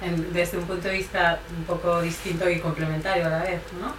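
A woman's voice: lowish voice, little pitch movement, brisk. Thoughtful woman, distant echoey room. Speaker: group participant. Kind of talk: reflective group sharing talk. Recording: echoey room from far off, faint noise.

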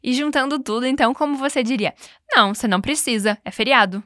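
A woman teaching English and running repeat-after-me drills, speaking clearly and patiently and slowing down on model phrases. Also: fairly high pitch, pushed and bright, no echo, studio quality. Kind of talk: bilingual language lesson with repeat drills.

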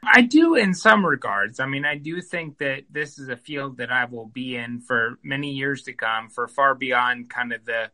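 A man answering interview questions as a guest physician, measured and thoughtful. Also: medium pitch, animated, bright, forceful tone. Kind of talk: conversational interview.

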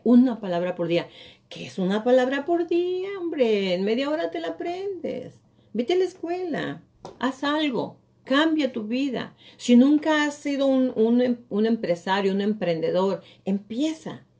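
With a fairly high pitch and a dark tone, this middle-aged real estate coach drives home her motivational message on her live show, emphatic and prone to repeating phrases.

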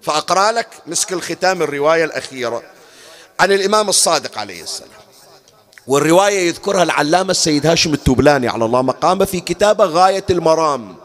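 A man preaching a sermon, his voice pitched high and swinging widely up and down. He poses rhetorical questions to the gathering and lifts certain phrases into a melodic chant.

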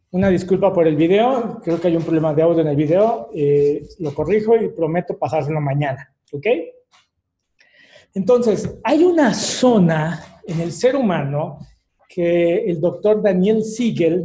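With slight background noise behind him, a man with a Mexican accent teaches an online lecture in a fairly high, dark-toned voice. He breaks things down step by step and keeps tossing in fillers and little tag questions.

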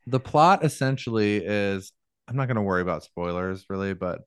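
A man's voice: on the low side, animated, fairly quick, clean tone, no room sound, studio quality. A young man co-hosting a podcast, chatting casually about movies in a rambling way, full of fillers. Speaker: podcast co-host.

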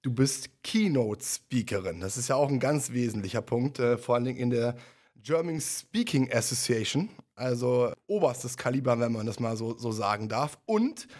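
A man's voice: mid-range voice, expressive, normal speed, darkish tone. A man hosting an interview, speaking in a friendly way that rambles a little and often repeats words. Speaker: podcast host, interviewer. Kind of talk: conversational interview.

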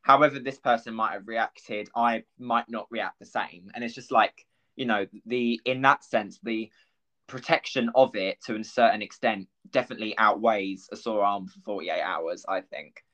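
A young man hosts a podcast in casual chat, telling stories in a chatty, animated way with lots of fillers. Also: lowish voice, moderate pace, dull audio. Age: young adult. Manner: chatty, animated storytelling with frequent fillers and laughs. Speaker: podcast host.

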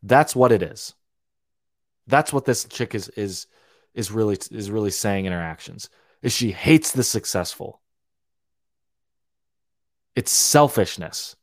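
A young man from Romania hosts a podcast, ranting through an opinionated monologue in a lowish, expressive voice at a measured pace with long pauses. He gets heated, repeats and restarts words, and swears freely. No room sound comes through on the dry, close recording.

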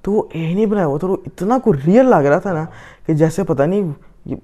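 Mellow-toned male co-host. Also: sits high. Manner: animated storyteller, asks many questions. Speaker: podcast co-host. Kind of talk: casual chat.

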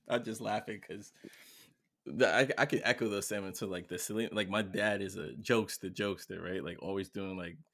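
A man in his thirties, a podcast co-host, chatting casually and telling stories with animated acted-out lines. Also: deep voice, normal speed. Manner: animated storyteller, acts out his own shouts. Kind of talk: casual chat.

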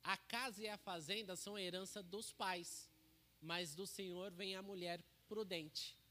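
Bright-voiced man preaching with jokes. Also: high-pitched, fairly even intonation, unhurried. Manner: joking, chatty, with many tag questions. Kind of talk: casual church sermon. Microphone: handheld microphone.

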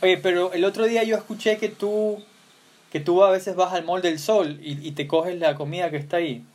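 A man with an Ecuadorian accent hosts a relaxed interview. His voice sits a little high, and his questions are playful and prodding. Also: normal speed. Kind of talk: casual interview chat.

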